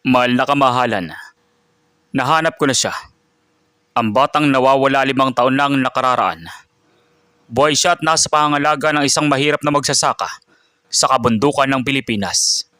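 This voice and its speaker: A secretive traveling merchant, acted by a man, formal and probing in his questions. His tone is bright and forward, recorded close and dry. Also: mid-range voice, fairly quick, long pauses, clear, resonant tone, dry recording, lightly acted. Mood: reporting.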